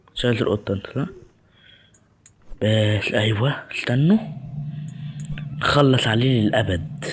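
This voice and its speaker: This gaming channel host is a young man with an Egyptian Arabic accent whose voice sits on the low side, slightly rough, at a moderate pace. Commentating a horror game, he startles easily, answers the game back, and whispers prayers whenever fear hits.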